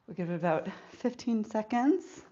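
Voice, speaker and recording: A woman's voice: medium pitch, lively intonation, moderate pace, dark tone, highs cut off, a little hiss or hum. A woman fitness instructor leading a live workout, counting reps aloud and getting out of breath between sets.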